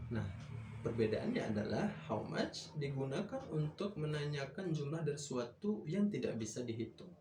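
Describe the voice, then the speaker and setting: A man's voice: mid-range voice, darkish tone, a little hiss or hum. A male English teacher patiently explaining grammar in a lesson, often starting each point with a filler before moving on. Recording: roomy echo, distant mic, faint ambience.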